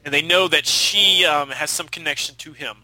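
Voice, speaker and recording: A man's voice: a little high, moderate pace, bright, forceful tone, no echo, poor audio. A young man co-hosting a casual movie podcast, rambling and joking with lots of filler. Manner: rambling, jokey, full of filler. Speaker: podcast co-host.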